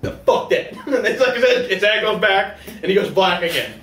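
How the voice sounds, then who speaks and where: A man with a slightly high, very animated voice riffs through improvised comedy banter. He rambles, jokes and swears freely as a co-host. The recording is roomy and echoey with faint noise behind him. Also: normal speed. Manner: rambling, profane, joking.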